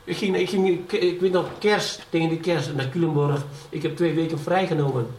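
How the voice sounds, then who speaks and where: Slightly high yet darkish in tone, the pastor's voice stays steady at a moderate pace as he preaches. This middle-aged man frequently asks the congregation "ja?" and grows more fervent as he testifies, heard from afar in an echoey church hall with faint noise.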